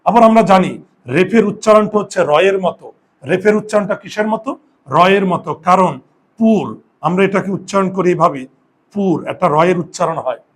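A man's voice: sits high, brisk. A male Bengali grammar teacher giving a classroom spelling lesson, explaining step by step and answering his own questions, with students in the room.

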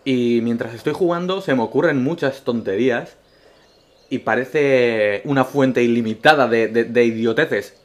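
Spanish guy from spain, gaming youtuber reading fan questions, goofy absurd jokes, loud then mumbly. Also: mid-range voice, moderate pace. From Castellón, Spain. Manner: joking, absurd humor, swings between loud bursts and mumbled asides. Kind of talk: casual Q&A vlog, reading viewer questions.

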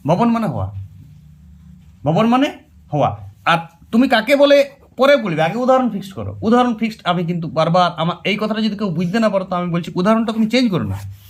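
A man's voice: high voice, animated, fairly quick. A man teaching an exam-prep Bengali grammar lesson, emphatic and repetitive, speaking directly to his students. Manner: emphatic, repeats key words, addresses students directly.

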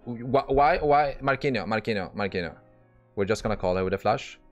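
Male poker streamer, lowish voice, talking through hands live; blunt, exasperated, curses freely, restarts sentences. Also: lively intonation, a little fast, highs cut off, soft background music. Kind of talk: live-stream commentary while playing online poker.

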